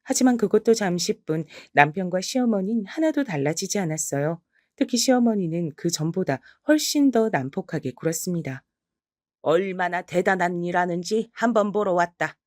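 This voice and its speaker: A middle-aged woman narrates a true-life story in a steady, confiding first-person voice. The recording is dry and close, with no room sound at all. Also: fairly low pitch, dry recording.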